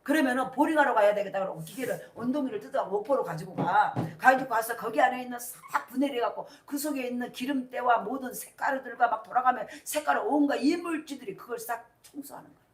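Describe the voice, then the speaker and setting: A woman's voice: on the high side, fast talker. Middle-aged woman pastor preaching, echoey church, mic kinda far off. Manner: animated preaching with call-and-response questions. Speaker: senior pastor. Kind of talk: sermon. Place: church sanctuary. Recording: roomy church hall from a distance.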